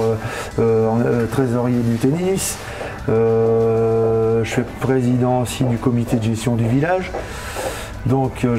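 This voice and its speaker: With music behind him, a hotel and bar owner in his fifties explains things in a relaxed interview, frequently pausing to find the right words. His voice sits in the mid-range and sounds gravelly and dark.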